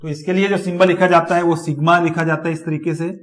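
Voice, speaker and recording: A man's voice: on the high side, level tone, fast talker. A man giving a step-by-step lecture, repeating each example word as he explains. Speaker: teacher. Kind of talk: classroom lecture on phonetics.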